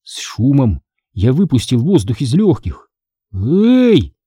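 A man's voice: medium pitch, very animated, normal speed, warm tone, breathy edge, no room sound. A man reading a first-person horror story aloud as an audiobook narrator, in a tense, vivid style, recorded dry and close.

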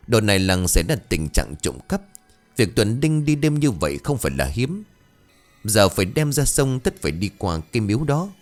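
A man narrating a ghost story with a dramatic, expressive reading. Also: on the low side.

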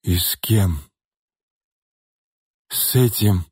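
A man reading an audiobook, voicing a jealous, cowardly old man who is hoarse and out of breath. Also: low-pitched, extremely slow, a little mellow, no echo, clean studio sound, heavily acted. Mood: stunned. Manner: wheezing, despairing.

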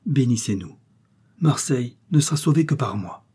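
A man's voice: mid-range voice, expressive, normal speed, dark tone, slightly rough. A man reading the part of a young knight in love, impassioned and lifting his voice on his pleas. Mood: resolute. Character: young knight, ardent and despairing lover. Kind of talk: audiobook reading.

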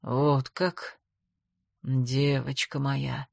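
A woman reading voicing a caring older nobleman father, a light mage, speaking gently and formally in a lowered voice. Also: moderate pace, no room sound. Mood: tender.

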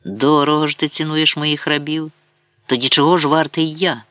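A man's voice: on the high side, steady tone, moderate pace, bright, forceful tone, dry recording. A proud old conqueror, wrathful and used to obedience, puts his questions with imperious weight, as a male narrator voices him in an audiobook. The sound is dry and close, with no room around it. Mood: questioning.

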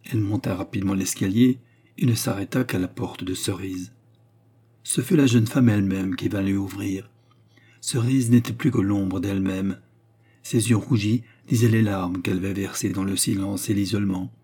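A man reading a classic novel aloud as an audiobook narrator, in a measured, steady manner. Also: sits low, breathy edge.

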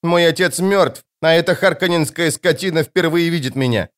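A man voicing a precocious, eerie small girl who speaks calmly and with scorn. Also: fairly high pitch, fairly quick, voice pushed up, lightly acted. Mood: mocking. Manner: calm, scornful, matter-of-fact.

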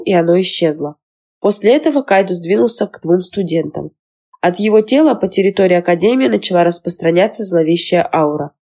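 A woman reading a fantasy novel aloud as scripted narration, in an even, measured delivery. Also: on the low side. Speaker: audiobook narrator.

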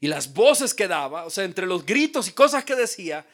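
A male pastor preaching a sermon in a dramatic style, dropping to a hush and then rising to shouts. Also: sits high, very animated, normal speed. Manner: dramatic, acts out quoted voices, swings from hushed to shouted.

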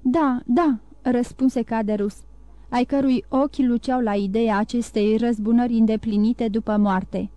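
A woman narrating a classic novel as an audiobook reader, in a steady, even reading. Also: on the high side, no echo. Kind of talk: scripted narration.

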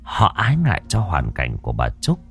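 A man's voice: low voice, huge pitch swings, fairly quick, creaky, husky. A man narrating a scripted audiobook in a solemn, dramatic storytelling manner. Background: soft background music.

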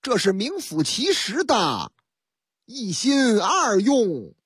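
A woman radio host retelling a news item as a comic story in lively, drawn-out storyteller phrasing. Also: fairly high pitch, husky, dry recording, studio quality.

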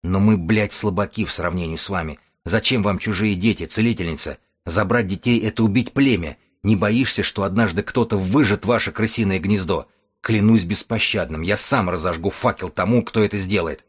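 A grim young bookman speaks in a cold, restrained and firm voice, low and husky, as a male audiobook reader plays him. His delivery stays measured and severe. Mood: stern.

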